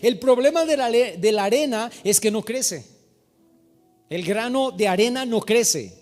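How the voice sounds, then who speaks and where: A man preaching a sermon as pastor, animated and calling his listeners brother. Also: very high voice, measured pace. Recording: reverberant hall with soft music.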